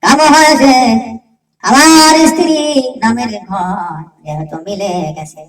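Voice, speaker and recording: A man's voice: high-pitched, sing-song, slow, a bit bright, faint music behind, voice pushed down, full character voice. A male preacher voicing an anxious old caliph, urgent and pleading, in an echoey hall with a distant mic.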